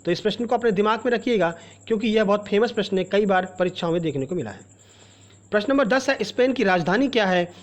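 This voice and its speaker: High-voiced man teaching quiz questions. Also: animated, quick pace. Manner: explanatory, repeats questions and options, addresses viewer directly. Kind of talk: exam-prep quiz lesson.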